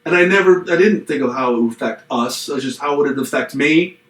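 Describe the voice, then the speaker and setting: A middle-aged man co-hosts a podcast in a casual, reflective way, circling back with restarts and slipping in dry, self-deprecating jokes. His voice sits at an ordinary mid pitch. It rings around an echoey room. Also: fast, a bit bright, far from the mic. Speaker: podcast co-host, pastor. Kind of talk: casual chat.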